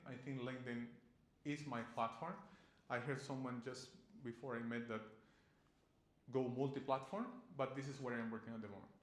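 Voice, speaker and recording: Conference speaker: man, mid-pitched, earnest, recorded in a roomy hall. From Chile. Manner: earnest, loose non-native phrasing with restarts. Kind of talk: conference presentation. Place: conference room. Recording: echoey conference room.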